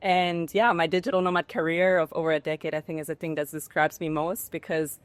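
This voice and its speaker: A woman's voice: lowish voice, fairly even intonation, fairly quick, no echo. A woman in her thirties from Spain, a podcast guest speaking over a video call in a reflective, earnest way. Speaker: guest, digital nomad coach. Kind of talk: casual interview.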